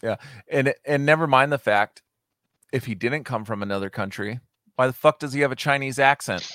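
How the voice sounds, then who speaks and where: A man's voice: mid-range voice, brisk, pushed and bright, no room sound, studio quality. A man hosting a podcast, chatting casually and bluntly with cohosts, swearing freely and getting heated as he rants about a movie. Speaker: podcast host. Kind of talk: casual chat, movie review.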